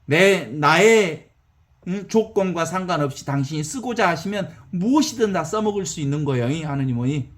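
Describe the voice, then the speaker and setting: Animated Jeolla priest preaching. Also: male voice, fairly high pitch, normal speed. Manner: animated, folksy, asks the audience for assent. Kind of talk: sermon.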